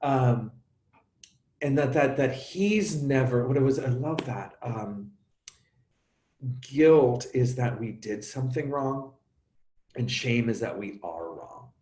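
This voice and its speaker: A middle-aged man talking openly as an interview guest, animated and halting, often restarting and acting out sounds. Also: mid-range voice, echoey room. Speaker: actor and coach, interview guest. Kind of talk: emotional conversational interview.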